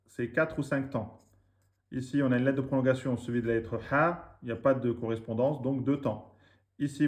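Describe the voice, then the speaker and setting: A man teaching a reading lesson, slowly drilling words syllable by syllable, with quick asides in between. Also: mid-range voice. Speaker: Arabic teacher.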